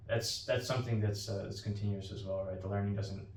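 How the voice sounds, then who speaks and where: Low-voiced podcast host, rambling questions. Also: male voice, fairly even intonation, a little fast, a little hiss or hum. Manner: long winding questions with many "um"s and restarts. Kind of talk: interview questions. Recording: roomy, distant mic.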